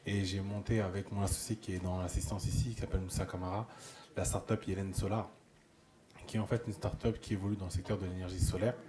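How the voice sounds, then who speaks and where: A man's voice: sits low, flat delivery, fast talker, warm tone, echoey room. A man from France who founded a solar start-up, explaining it plainly at a forum. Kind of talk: presentation at a forum.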